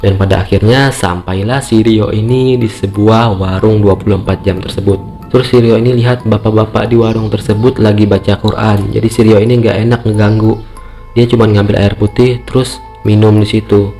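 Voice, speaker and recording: A man's voice: lowish voice, fairly even intonation, fairly quick, dark tone. A man telling a horror story informally and conversationally, repeating phrases for emphasis. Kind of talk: informal spoken storytelling, acting out dialogue. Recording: music playing behind the voice.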